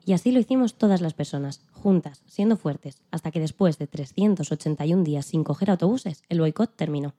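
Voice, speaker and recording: Cast as Rosa Parks, a woman tells the story of the bus boycott as a dignified elderly activist in a dramatized podcast interview. Her voice sits low and is animated, fast-talking and very mellow, with an earnest, resolute mood throughout the scripted first-person account.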